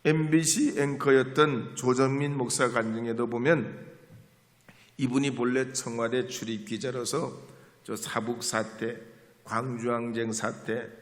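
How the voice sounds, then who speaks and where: A middle-aged male pastor preaching a sermon, switching from quiet asides to the congregation to loud, emphatic exclamations. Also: mid-range voice, steady tone, measured pace. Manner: chats with the congregation, asks them to repeat after him. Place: church sanctuary. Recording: long hall reverb in a church.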